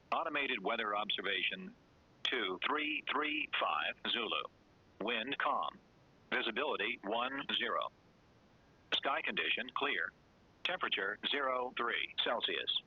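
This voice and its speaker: A man's voice: medium pitch, slightly rough, highs cut off. A robotic synthesized male voice reading an automated weather report in a clipped, mechanical way, heard over an aircraft radio. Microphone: heard through a cockpit radio and headset.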